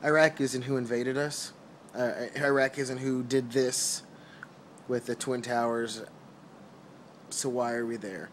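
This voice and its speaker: A young man from New York City giving his earnest, halting opinions in a casual vlog, recorded on a phone held close while lying on a couch at home. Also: mid-range voice, flat delivery, slight background noise. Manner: earnest, hesitant with many ums and restarts. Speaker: vlogger. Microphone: phone camera held close.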